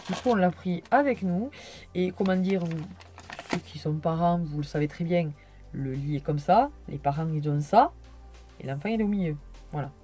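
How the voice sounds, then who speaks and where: A woman's voice: lowish voice, mellow. A tired young woman chatting through a casual haul video, rambling and hesitant with many fillers. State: tired, yawning. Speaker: vlogger.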